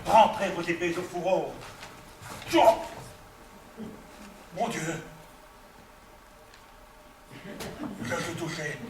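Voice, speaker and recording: A man playing an anguished, grandiose villain in a verse melodrama, declaiming with dramatic pauses. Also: on the high side. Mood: faltering. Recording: roomy, noisy, distant microphone.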